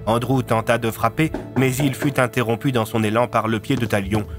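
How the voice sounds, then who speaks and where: A man narrating a serialized audiobook in a steady storytelling manner. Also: mid-range voice, fairly quick, over music. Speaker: narrator and voice of all characters.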